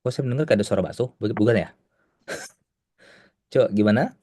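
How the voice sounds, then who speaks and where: Relaxed male language teacher, low voice. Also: moderate pace. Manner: relaxed, explaining patiently with casual slang. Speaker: Japanese teacher. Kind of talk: online language class.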